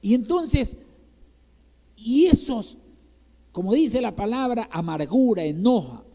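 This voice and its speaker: In a reverberant church hall, an Ecuadorian pastor delivers a sermon in Ecuadorian Spanish with an extremely high, warm, animated voice at a slow pace. He keeps asking the congregation rhetorical questions and repeatedly checks in with them.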